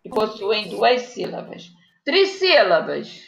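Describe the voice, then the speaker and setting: A woman's voice: medium pitch, wildly swooping pitch, slow pace, vocal fry, a bit bright, slight background noise. A woman with a Brazilian Portuguese accent teaching a live online class to young children, dictating patiently and checking in often. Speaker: primary school teacher. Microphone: video call. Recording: echoey, muffled video-call audio.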